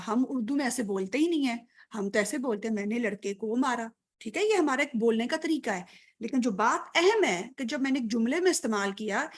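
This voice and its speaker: A high-pitched woman teaches a grammar class online, patiently and frequently checking that her students are following. She mixes English terms into her speech.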